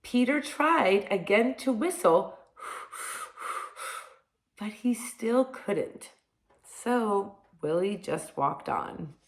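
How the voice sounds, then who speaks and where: A woman hosting a read-aloud for young children like a kids' show host, talking straight to them in simple words and expressive questions. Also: medium pitch, drawn-out words, long pauses. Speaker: kindergarten teacher reading picture books to children. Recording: echoey room sound.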